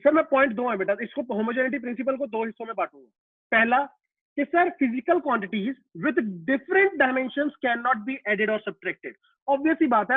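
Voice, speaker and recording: Here a man with an extremely high pitch teaches physics in a live online lecture, explaining through everyday examples. He calls the students "beta" and handles both sides of his own questions. The sound is dry and tinny like a phone, with no room sound.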